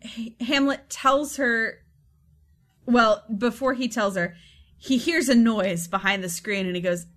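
A woman's voice: a little high, a little slow, a bit bright. Playful woman retelling a play. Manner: playful, breaks into quoted voices for the characters. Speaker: podcast host retelling a play. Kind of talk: casual group chat.

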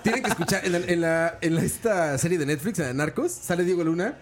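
A man chatting casually as a podcast co-host, animated and slangy, laughing often. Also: on the high side, brisk, a loud crowd. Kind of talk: casual chat.

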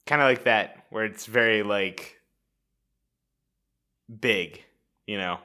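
A man's voice: lowish voice, slow, bright, forceful tone. A young man co-hosting a podcast, chatting casually with plenty of fillers and laughter. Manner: rambling, frequent fillers and laughs. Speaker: podcast co-host. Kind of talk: casual chat.

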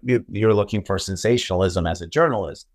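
A man hosting a podcast interview, asking questions in a halting, hesitant way. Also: low-pitched, a little mellow, no room sound, studio quality. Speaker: podcast host.

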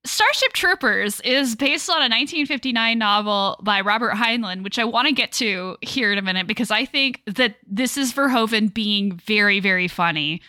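A woman's voice: on the high side, animated, moderate pace, hardly any pauses, pushed and bright, no echo. A woman co-hosting a casual film podcast, explaining at length and laughing often. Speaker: podcast co-host.

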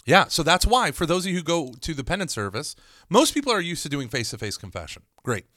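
A man teaching about confession in a lively, emphatic conversational way, with jokey storytelling. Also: on the high side, quick pace, dry recording, clean studio sound.

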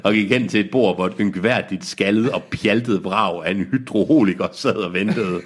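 Husky low-voiced man reading a story aloud. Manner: laughing, mocking the text as he reads. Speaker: reader of a novel on a comedy podcast. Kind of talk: reading aloud with joking asides.

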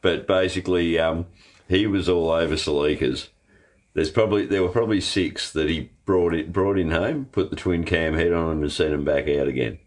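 A man's voice: low-pitched, moderate pace. An Australian man hosting a casual chat about cars in a blokey, sweary, slangy way. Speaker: host of a car show.

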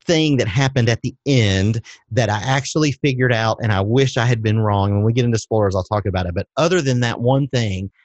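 A man hosting a movie review podcast, talking in a relaxed, measured way with light jokes. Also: fairly low pitch, no echo, lo-fi sound. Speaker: podcast host. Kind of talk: casual movie review chat.

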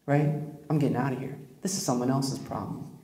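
A man's voice: medium pitch, steady tone, fairly quick, warm tone. A man preaching a sermon as pastor, telling stories in a conversational way and speaking straight to his congregation. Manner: storytelling, conversational, addresses congregation directly. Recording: roomy echo.

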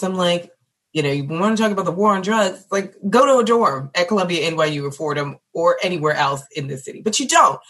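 A woman on a discussion panel who talks in an animated, emphatic and sardonic way, like a teacher making a point. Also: on the low side, slightly rough. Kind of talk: casual political discussion.

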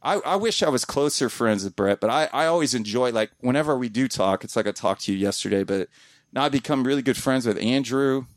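Speaking briskly with lively intonation, a medium-pitched man from around Columbus, Ohio, addresses a community gathering as a guest podcaster. His talk is heartfelt and casual, rambling along with frequent restarts and easygoing swearing. The audio is dry, without echo.

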